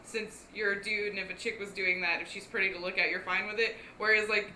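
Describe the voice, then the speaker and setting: A woman's voice: mid-range voice, fairly even intonation, brisk, sharp tone, a little hiss or hum. A young woman in casual podcast chat, blunt and swearing freely, her talk full of "like". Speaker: podcast guest. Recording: echoey room, faint ambience.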